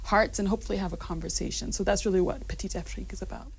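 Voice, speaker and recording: A woman's voice: medium pitch, steady tone, rapid-fire, breathy edge. Earnest woman guest in radio studio. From Rwanda and Uganda, raised mostly in the United States. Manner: thoughtful, earnest, frequent ums and laughs. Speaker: guest singer-songwriter.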